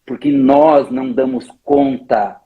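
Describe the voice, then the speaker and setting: A man's voice: mid-range voice, slow, slightly rough, phone-quality sound. A man, explaining in an emphatic, storytelling way and often turning to his conversation partner. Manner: emphatic, tells stories, often addresses the other speaker by name. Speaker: interviewee speaking on emotions.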